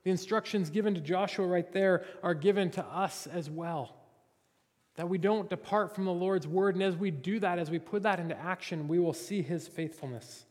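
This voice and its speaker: A male pastor delivers an earnest, expository sermon. His voice sits high for a man. The recording carries the long, ringing reverb of a church sanctuary. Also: moderate pace, darkish tone.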